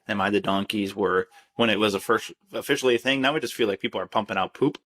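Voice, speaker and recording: A man's voice: lowish voice, fairly even intonation, quick pace, a bit bright. A man co-hosting a podcast in casual chat, rambling with repeated restarts and swearing. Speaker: podcast co-host.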